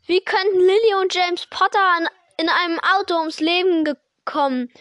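Hagrid, gruff kind giant, read by a woman. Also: very high voice, moderate pace, fairly bright tone, dry recording, studio quality. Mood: indignant. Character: big, gruff, kind-hearted male giant.

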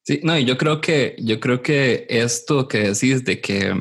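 A man's voice: medium pitch, unhurried, fairly bright tone. Thoughtful man interviewing. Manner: thoughtful, restarts phrases while searching for words. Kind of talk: casual conversation.

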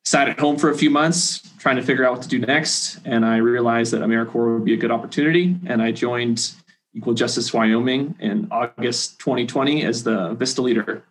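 A man in his twenties, a volunteer leader, telling his story in an interview with an earnest, even delivery. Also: medium pitch, fairly quick, rough recording. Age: 20s. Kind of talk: casual interview answers.

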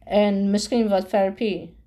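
Woman reading stern female principal, formal, halting, dark voice, storybook. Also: mid-range voice, flat delivery, lightly acted.

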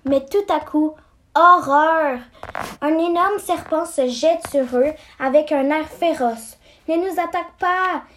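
A woman reading a children's story aloud, slow and halting, stumbling and restarting words. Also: high-pitched, a bit bright, slight background noise. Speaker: story reader.

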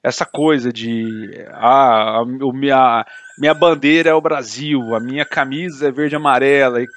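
A man's voice: mid-range voice, moderate pace, fairly bright tone. A man in casual podcast chat, talking in a heated, indignant way and filling his speech with slang.

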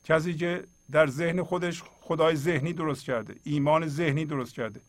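A man's voice: a little high, no room sound. A middle-aged man hosting a spiritual program, explaining verses of poetry in a colloquial and earnest way, and urging listeners directly. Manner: earnest, exhorting, speaks straight to listeners. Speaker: host.

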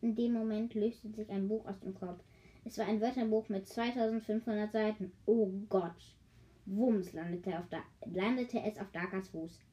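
A woman reads a children's book at a moderate pace in a steady, dark-toned voice. She often pauses to joke with listeners, stumbles and corrects herself, and raises her voice higher for the characters' short cries. It's a low-quality recording with slight background noise.

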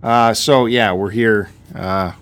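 A man's voice: lowish voice, steady tone, slow, a bit bright. A man co-hosting a podcast in casual chat, teasing his partner and laughing often. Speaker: podcast co-host.

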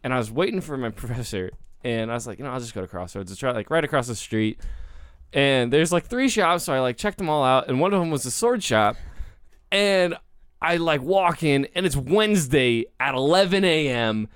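A man's voice: medium pitch, animated, fairly quick, a bit bright, clear, resonant tone, dry recording, clean studio sound. A man telling a rambling story as a podcast co-host, with lots of filler words. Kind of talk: casual chat.

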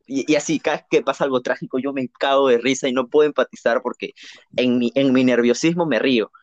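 A man's voice: medium pitch, dry recording. Reflective young man, muffled dry sound. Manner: reflective, rambling storytelling with restarts. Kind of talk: casual chat.

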